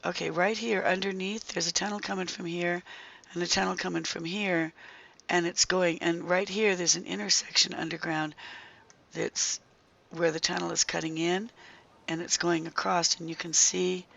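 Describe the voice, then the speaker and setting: Hoarse, croaky gamer with heavily creaking voice. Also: medium pitch, little pitch movement, bright, forceful tone, dull audio. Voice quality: croaky, strained, breaking into whisper. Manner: halting, thinking aloud while working. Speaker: gaming video creator. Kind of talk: casual gameplay walkthrough commentary.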